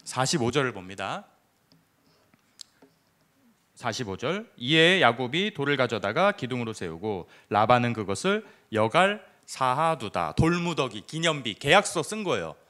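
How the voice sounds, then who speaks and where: A man preaching a sermon to his congregation, explaining a passage in an animated way and acting out short quoted lines. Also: medium pitch, moderate pace, hardly any pauses. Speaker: pastor. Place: church.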